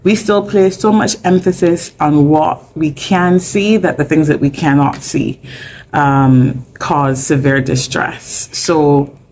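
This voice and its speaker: A middle-aged woman with a Barbadian accent, a guest and mental health advocate, speaks candidly in a conversational interview with many fillers. Her deep voice is steady, slow and a little mellow, with a little hiss or hum in the recording.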